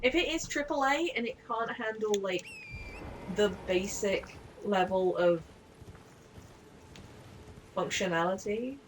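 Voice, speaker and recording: A woman's voice: mid-range voice, takes it slowly, pauses often, slight background noise, poor audio. A woman chatting casually and rambling on a live game stream, with many fillers and offhand swearing. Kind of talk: casual chat.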